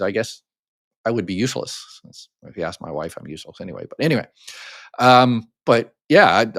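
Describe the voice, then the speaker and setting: Hosting a live Q&A chat, an older American man responds to viewer questions in a relaxed, meandering manner. His voice is very low and deep, and he explains things step by step, often saying um and starting over. The recording is close and dry, with little room sound.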